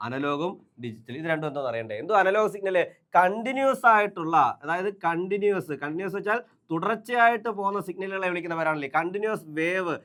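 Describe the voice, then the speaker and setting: A man's voice: sits high, lively intonation, quick pace, a bit bright. A man teaching an exam-prep lesson, who keeps asking questions and answering them himself and repeats key terms again and again.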